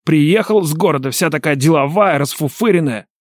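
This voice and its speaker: A man's voice: a little high, lively intonation, a little fast, no echo, clean studio sound, pitched above the performer's own voice, lightly acted. Audiobook thug: a man playing a grating, remorseless, defiant captive. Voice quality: grating, scraping.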